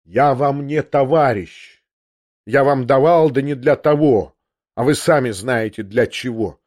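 A man's voice: mid-range voice, measured pace, darkish tone, close to an everyday voice. Guy doing a snooty angry prince, sneering and mocking, audiobook. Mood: contemptuous. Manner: contemptuous, cutting and mocking. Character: arrogant aristocratic prince, scornful, pacing in anger. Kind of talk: audiobook character reading.

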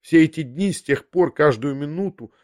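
A man's voice: fairly high pitch, moderate pace, darkish tone, dry recording, studio quality, lightly acted. A man reading an audiobook, voicing a flustered, earnest young man who blurts his questions out. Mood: astonished. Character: awkward, impetuous young man, stunned and earnest.

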